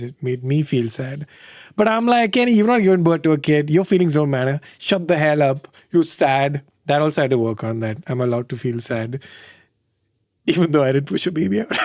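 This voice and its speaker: A man's voice: fairly high pitch, a little mellow, no echo, studio quality. A man in his thirties with an Indian English accent, telling candid stories in an interview, acting out quoted voices and laughing often. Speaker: interview guest. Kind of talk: candid conversational storytelling.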